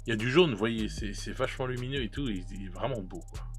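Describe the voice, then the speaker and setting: Over music, a man with a fairly low voice talks fast as he casually reviews paint colors for his miniature painting channel. Chatty but unsure, he's full of fillers and restarts and keeps laughing at his own mistakes.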